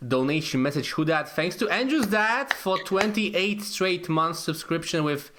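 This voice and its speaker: Male producer type, raised pitch, running through chat thanks. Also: animated, a little slow, background noise. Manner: reads out subscriber thanks. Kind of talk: casual live-stream chat.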